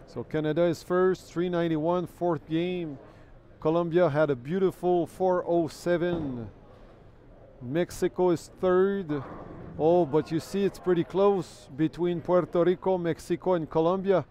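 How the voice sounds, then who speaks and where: A man's voice: a little high, steady tone, measured pace, warm tone, slight background noise. A man whose first language is French, doing live commentary on a bowling event. He talks in a chatty way, thanks viewers, and repeats words while he thinks. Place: bowling alley.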